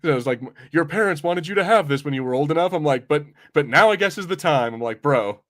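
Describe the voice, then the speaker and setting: Fast-talking and animated, this podcast host has a voice on the high side with a bit of brightness. He gives a loose, rambling, sometimes sweary rundown of what he's been watching.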